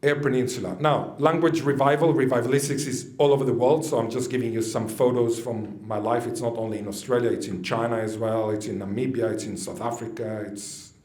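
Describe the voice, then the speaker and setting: Speaking fairly quickly with few pauses, an Israeli-raised man delivers a chatty conference lecture peppered with jokes and audience asides. His medium-pitched voice is steady and a little mellow, and the lecture hall is reverberant.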